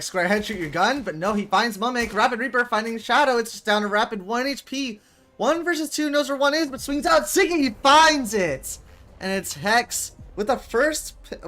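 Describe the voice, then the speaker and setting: Casting solo, a young man of eighteen provides play-by-play for a competitive VR shooter while interacting with viewer chat. He fills the gaps between rounds with rambling and fillers, but his voice leaps loud and high on big plays as game music plays.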